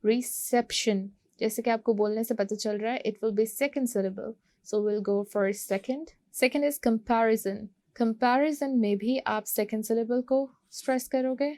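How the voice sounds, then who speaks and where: A woman's voice: fairly high pitch, steady tone, dark tone, no room sound. A woman teacher explaining an English vocabulary lesson, switching between Hindi and English and going through the words one by one. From Pakistan. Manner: slow, explains word by word.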